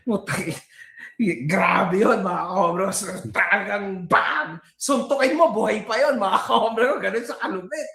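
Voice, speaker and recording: A man's voice: high-pitched, a little slow, vocal fry, bright, forceful tone, echoey room. A man from San Pablo, Laguna, in the Philippines, talking to his viewers in a boisterous, joking way, laughing often and swearing casually. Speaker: vlogger.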